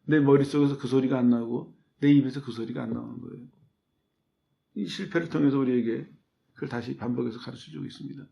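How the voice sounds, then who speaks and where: A pastor preaches a conversational sermon, speaking fast at a medium pitch with vocal fry on dull audio. He poses questions to his listeners and answers them himself, acting out the voices of those he quotes.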